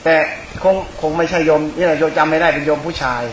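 A man's voice: a little high, level tone, fast talker. A man, a Buddhist monk and teacher, giving an informal Dhamma sermon in a conversational, rambling way, speaking directly to his listeners. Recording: echoey room, clear background hiss.

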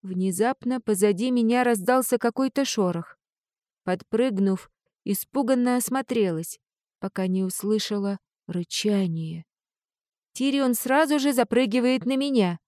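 A woman narrating a first-person fantasy audiobook in an expressive, lively way. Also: a little high, a little slow, no room sound, clean studio sound.

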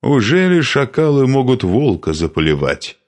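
A man's voice: medium pitch, big pitch swings, normal speed, pitched above the performer's own voice, natural voice. A man voicing a boastful young male steppe horseman who teases his comrades. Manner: cocky, teasing.

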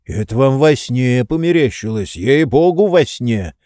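A man putting on a stubborn old servant, grumbling and coaxing in a slow, drawn-out way. The voice is mellow and close, with no room sound. He nags on with dogged persistence. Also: mid-range voice, animated, no room sound, lightly acted. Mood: soothing. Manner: slow, coaxing, muttering complaints. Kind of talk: audiobook character voice.

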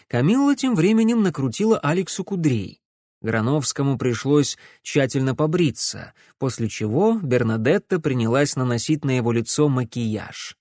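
A man narrating an audiobook in an animated, theatrical way. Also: mid-range voice, no echo, clean studio sound.

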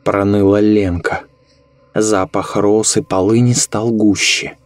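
Man, low voice, dry close sound, measured ominous horror narration. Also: level tone, no room sound.

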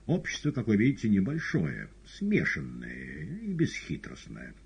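A man's voice: fairly low pitch, huge pitch swings, measured pace, creaky, a little mellow, breathy edge, voice pushed up, full character voice. A man voicing an imperious old devil who commands his retinue with curt, ironic words. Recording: dull lo-fi audiobook recording.

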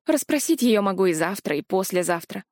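A woman's voice: medium pitch, sing-song, a little fast, darkish tone, no room sound, lightly acted. Brief: woman reader as an earnest, stubborn young heroine, close dry read, near her own voice. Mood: worried.

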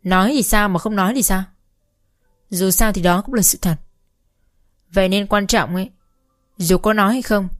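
A woman's voice: mid-range voice, moderate pace, long pauses, soft background music, lightly acted. A cold, defiant young wife who has the money and knows it, voiced by a woman narrator. Her retorts are cutting and contemptuous. The character comes from an audio storybook. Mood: cool contempt.

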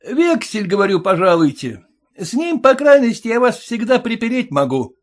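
A man's voice: very high-pitched, very animated, normal speed, pitched above the performer's own voice. A man voicing a sarcastic, quarrelsome young groom who mocks his new in-laws in a jeering, indignant way.

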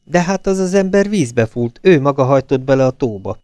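A man voicing a nervous, smooth-talking young husband who protests his innocence. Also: medium pitch, expressive, warm tone, dry recording, clean studio sound, pitched above the performer's own voice, lightly acted. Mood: stunned. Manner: flustered, protesting.

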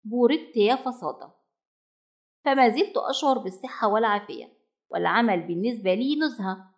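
A woman's voice: fairly high pitch, animated, fairly quick. Woman voicing a firm mother bird. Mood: tender. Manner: stern and decisive, warmly tender.

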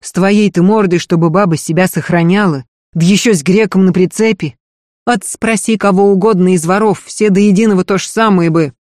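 A man's voice: high voice, steady tone, a little fast, a little mellow, no room sound, studio quality, natural voice. A man as a cheeky young thief. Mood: coaxing. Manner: coaxing, slangy. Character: cheeky young male thief, escaped convict. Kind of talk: audiobook reading.

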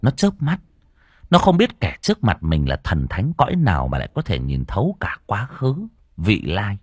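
A deep-voiced man narrates an audio horror story with a husky tone and lively, swinging intonation. His storytelling is dramatic and expressive, and the recording is dry and close, with no room sound. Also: normal speed, no echo.

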